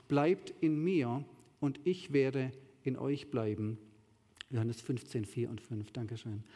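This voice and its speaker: A man preaches in a fairly high voice, moving from relaxed, conversational storytelling to pointed, emphatic declarations. His voice carries a long, echoing reverb, as if he were speaking in a large hall. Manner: conversational, emphatic, rising to stressed peaks. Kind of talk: sermon with slides.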